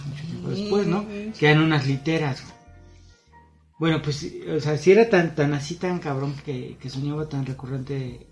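A man's voice: fairly high pitch, vocal fry, darkish tone. Young mexican guy telling a dream, laid back, trips over words a bit, faint music. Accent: Mexican Spanish. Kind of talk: casual chat, telling a dream.

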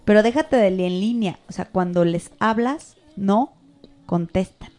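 A woman's voice: mid-range voice, a little slow, a little mellow, soft background music. A woman co-hosting a casual chat, playful and teasing, drawing out her questions. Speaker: co-host.

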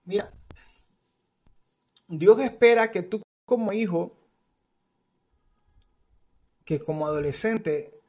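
A man's voice: high voice, takes it slowly, long pauses, darkish tone. A man preaching a sermon, repeating his points emphatically and speaking straight to parents and teens. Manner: repetitive, emphatic, addresses listeners directly.

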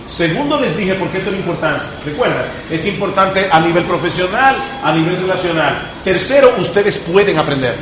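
A man, a pastor, giving a lively classroom lecture on public speaking and talking straight to the students. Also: high voice. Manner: lively teacher, addresses students directly. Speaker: pastor giving a guest talk. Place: school classroom. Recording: roomy classroom with background noise.

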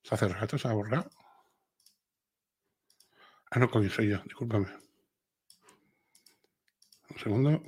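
A man's voice: fairly low pitch, unhurried, long pauses, a little mellow, husky. A middle-aged man with a Sevillian Andalusian accent, hosting a casual live chat and reading viewer comments aloud. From Seville, Spain. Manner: chatty, reads viewer comments aloud, frequent filler tags. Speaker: livestream host.

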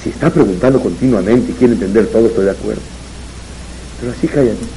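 A man giving a religious lecture as a rabbi, telling anecdotes and growing louder on his emphatic points. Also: fairly low pitch, quick pace, a little hiss or hum, low-quality recording. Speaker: rabbi giving a Torah talk.

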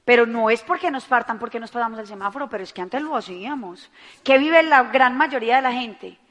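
Lady giving a pep talk to her team, high voice, lots of hall echo. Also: lively intonation, brisk, fairly bright tone. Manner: emphatic, rhetorical questions to audience. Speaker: business speaker.

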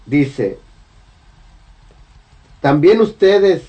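A man reading scripture aloud in a formal, solemn and deliberate way. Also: on the high side, sing-song, muffled recording. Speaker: scripture reader.

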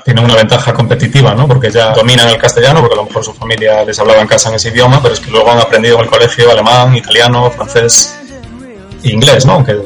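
A man's voice: mid-range voice, flat delivery, fast, music in the background, poor audio. A man from Galicia, a tour guide talking in a casual interview. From Galicia, Spain. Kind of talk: casual conversation.

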